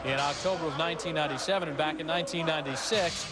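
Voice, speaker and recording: High-pitched male boxing commentator over loud music. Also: steady tone, racing. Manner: announcer-like delivery of facts and records. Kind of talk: live broadcast sports commentary. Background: loud entrance music and arena crowd.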